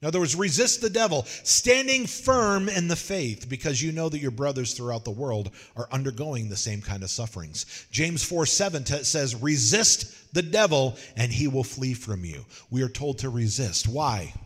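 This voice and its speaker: A man preaching a sermon in a folksy, joking way, telling animated stories. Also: mid-range voice, moderate pace, few pauses, long reverb tail. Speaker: pastor.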